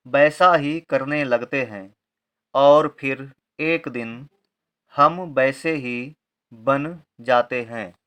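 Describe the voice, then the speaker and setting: Guy teaching handwriting, slow and patient, goes letter by letter. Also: mid-range voice, fairly bright tone. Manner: slow, careful, explaining step by step. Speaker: Hindi writing teacher. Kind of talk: handwriting lesson.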